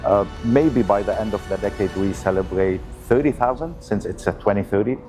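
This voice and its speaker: A man speaking as an event official about big ambitions, slightly halting. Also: lowish voice, warm tone, faint music behind. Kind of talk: interview answer.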